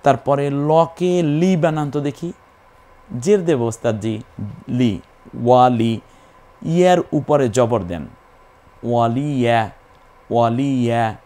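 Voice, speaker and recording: A man's voice: medium pitch, expressive, slow pace, pauses often, dark tone. A man teaching Quran recitation, patiently spelling syllables and stretching the vowels as he chants them. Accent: Bangladeshi Bengali.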